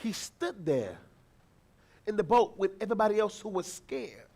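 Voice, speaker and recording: A man preaching a sermon as pastor, telling a family story and acting out the people in it, with bursts of shouting. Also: high-pitched, moderate pace, vocal fry. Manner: animated, acts out voices, shouts encouragement.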